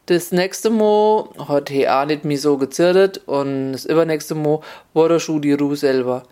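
A storyteller narrates a comic folk tale in a relaxed, wry way. The voice is clear and resonant, at a middling pitch, and moves at an unhurried, even pace.

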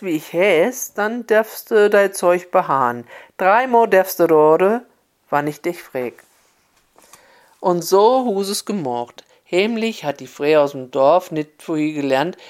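A woman's voice: sits low, darkish tone. A woman with an Upper Hessian dialect accent, telling a fairy tale in a homely storytelling manner.

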